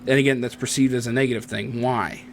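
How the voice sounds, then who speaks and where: A man's voice: mid-range voice, steady tone, quick pace, vocal fry, slight background noise. A young man with a Southern country accent, chatting loosely as podcast co-host and often asking "you know what I mean". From Tennessee. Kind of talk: casual chat.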